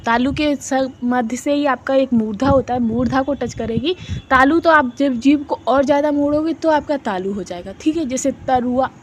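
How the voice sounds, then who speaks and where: A high-pitched woman teacher leads an exam-prep lesson and keeps asking and answering her own questions. She sounds out syllables again and again as she explains, with English words mixed into her talk. Faint noise hums behind her. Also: normal speed. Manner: repeats syllables to demonstrate sounds; mixes English words into Hindi.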